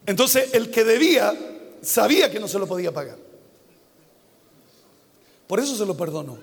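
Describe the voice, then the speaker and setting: A high-pitched man preaches, reading scripture aloud and repeating phrases for weight. He breaks into animated, loud impressions of the people in the story. His voice carries a long reverb, as in a large hall. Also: normal speed. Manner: animated, acts out Bible characters with sudden loud exclamations; reads scripture verse by verse and repeats key phrases for emphasis. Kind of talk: sermon.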